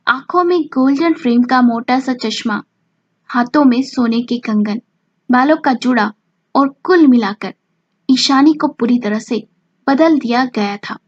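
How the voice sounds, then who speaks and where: A woman reads a romantic drama story aloud in a steady, dramatic way. Her voice sits fairly high with a husky grain. The recording sounds dull and lo-fi. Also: no room sound. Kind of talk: scripted story narration.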